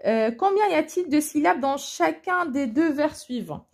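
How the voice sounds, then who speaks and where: A woman French teacher correcting an exam, talking slowly with many hesitations and self-corrections, recorded on a phone. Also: sits high, expressive, a little mellow. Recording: phone recording, voice slightly off-mic at times.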